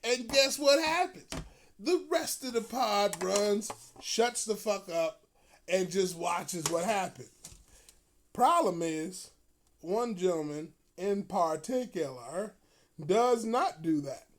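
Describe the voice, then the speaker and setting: A man telling a profane story in a casual, animated way, often breaking into laughter. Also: high voice, takes it slowly.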